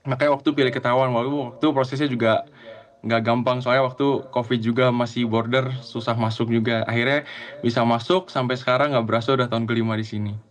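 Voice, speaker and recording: A man's voice: mid-range voice, steady tone, fast talker. A young man from Central Java talking as a guest on a remote call, friendly and a little hesitant, with many fillers. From Central Java, Indonesia. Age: young adult. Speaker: guest, student abroad. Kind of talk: casual chat over a video call.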